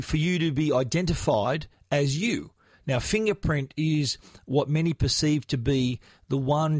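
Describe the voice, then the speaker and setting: Chatty Australian tech podcast host. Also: male voice, fairly high pitch, no echo, studio quality. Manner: conversational, with frequent restarts and fillers. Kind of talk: podcast tech news segment.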